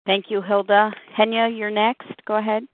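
A woman's voice: medium pitch, flat delivery, moderate pace, background noise. A woman moderates the meeting in short procedural lines, calling on the next speaker. The sound is thin and tinny, like a phone line. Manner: brief, procedural.

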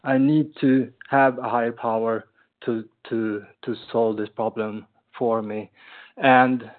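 A man sharing earnestly at a support meeting over a crackly phone line that fades in and out. He talks haltingly, with many restarts. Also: mid-range voice, steady tone. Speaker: member sharing at a recovery meeting. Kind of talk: personal share in a support meeting. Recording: tinny, narrow phone line.

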